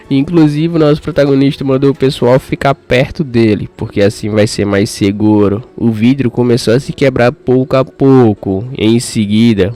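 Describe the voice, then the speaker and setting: A man's voice: on the low side, a little mellow, smooth. A man with a Brazilian accent, casually narrating a comic recap in slangy, chatty speech, talking straight to viewers. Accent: Brazilian Portuguese. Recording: faint background music.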